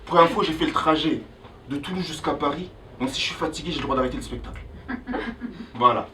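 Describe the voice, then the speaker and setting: A young man from Angola doing a stand-up comedy set on a club stage, loudly hyping the crowd between jokes. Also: fairly high pitch, fast, far from the mic, heavy background noise. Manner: animated, hyping the crowd with loud calls. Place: comedy club stage before a live audience.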